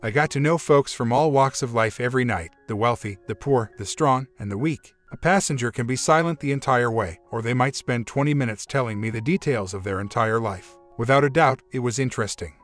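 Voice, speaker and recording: A man narrating a first-person relationship story in a steady, even storytelling manner. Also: mid-range voice, brisk, hardly any pauses. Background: faint music.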